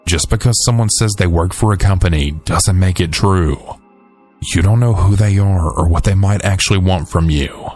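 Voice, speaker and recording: A man reading a first-person horror account as a scripted narration, in a calm and measured way. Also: sits low, soft background music.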